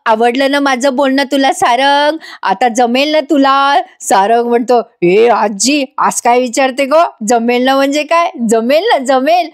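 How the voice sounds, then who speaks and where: A woman retelling a TV serial episode to her audience, acting out each character's lines in quick voices. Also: on the high side. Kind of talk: animated storytelling recap of a TV serial.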